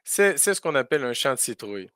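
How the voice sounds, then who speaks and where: A man's voice: mid-range voice, big pitch swings, fast, fairly bright tone, no room sound. A man doing live spoken interpretation for a school farm tour, hesitating often with fillers and restarts.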